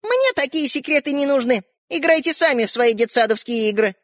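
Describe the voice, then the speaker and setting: A scornful, bossy girl, the older sister, pitched high and swinging widely as she mocks and scolds, voiced by a woman reading a storybook. The sound is close and dry. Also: lively intonation, brisk, fairly bright tone, dry recording. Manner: mocking, scolding. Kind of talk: audiobook character reading.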